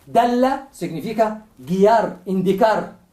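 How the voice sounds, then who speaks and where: A woman's voice: mid-range voice, animated, slow pace, dark tone, echoey room, distant mic. A woman teaching Arabic pronunciation in a call-and-repeat lesson. She patiently repeats each sound several times and keeps checking in with "¿de acuerdo?".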